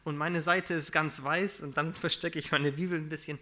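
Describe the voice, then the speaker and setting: A young man preaching in a relaxed, conversational way, confessing his own failings and acting out what people say. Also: on the high side, moderate pace. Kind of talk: casual sermon.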